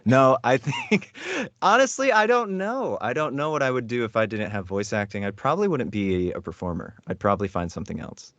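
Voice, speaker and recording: A man speaking as a voice actor guest in a relaxed, self-deprecating interview chat. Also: mid-range voice, fairly quick, no room sound. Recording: dull lo-fi dry sound.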